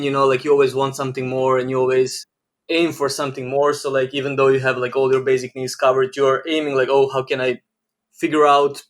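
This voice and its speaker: A man in his twenties with a Serbian accent, a podcast guest telling his life story in a casual, rambling way, full of "like" fillers. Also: medium pitch. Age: 20s. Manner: rambling, many "like" fillers, flat delivery. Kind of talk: casual interview chat.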